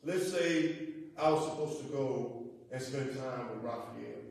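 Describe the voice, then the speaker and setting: A man preaching a Bible study sermon as pastor, emotional, swinging from loud emphasis to quiet. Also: medium pitch, unhurried. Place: church hall. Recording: echoey hall, distant mic.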